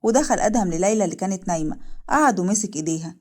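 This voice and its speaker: A woman's voice: mid-range voice, expressive. A woman with an Egyptian accent reading a serialized romance story aloud. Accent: Egyptian Arabic. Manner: rapid storytelling. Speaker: story narrator.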